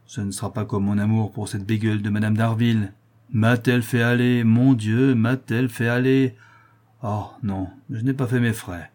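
A man's voice: on the low side, mellow, lightly acted. A man voicing a vain, flippant rich dandy who mocks and chatters, in an audiobook reading. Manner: flippant and mocking.

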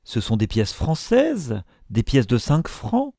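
A man voicing an irritable, excitable professor who speaks brusquely and insists. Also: mid-range voice, slow, no echo, studio quality, voice pushed up, exaggerated voice. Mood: insistent.

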